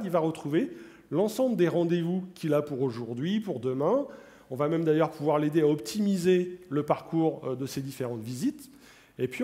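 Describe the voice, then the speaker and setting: A man in his forties giving a keynote product demo on stage, talking straight to the audience with many fillers. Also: fairly high pitch. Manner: animated, addresses the audience directly, many fillers. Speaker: keynote presenter. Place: large conference hall on stage. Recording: long hall reverb.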